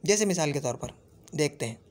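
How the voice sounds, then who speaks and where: A man's voice: on the high side, lively intonation. Man drilling Arabic letter sounds. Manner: repeats sounds slowly and drills each letter. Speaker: Arabic grammar teacher. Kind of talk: classroom-style grammar lesson.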